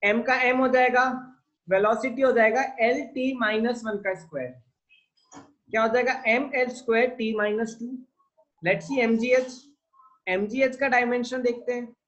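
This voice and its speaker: His voice is very high-pitched and fairly bright, with fairly even intonation and an unhurried pace, though the highs are cut off. This Indian English-accented man is a physics tutor who asks his class questions, answers them himself, and mixes Hindi with English.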